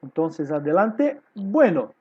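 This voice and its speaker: A woman's voice: lowish voice, sing-song, slow pace, breathy edge, muffled recording. A woman with a Brazilian Portuguese accent teaching a Spanish class online. She explains patiently and keeps checking in with her students.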